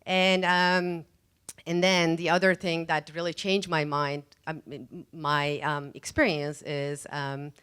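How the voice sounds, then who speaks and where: A woman in her forties from Turkey talks through her career at a meetup panel. Her voice sits low and comes across smooth and clean. She speaks into a handheld mic in a relaxed, chatty way, with many fillers. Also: takes it slowly. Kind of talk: casual personal story at a panel. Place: meetup event room.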